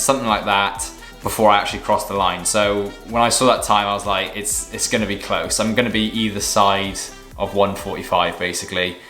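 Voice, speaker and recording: With music playing behind and a roomy echo, a young man who vlogs and runs as an amateur gives a relaxed, no-nonsense recap in a conversational way. He speaks on the low side, in a bright, forceful tone.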